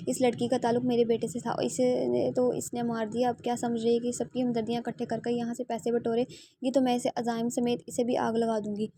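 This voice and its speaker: A woman voicing a grieving middle-aged aunt who shouts bitter, spiteful insults. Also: on the high side, monotone, a little fast. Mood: furious.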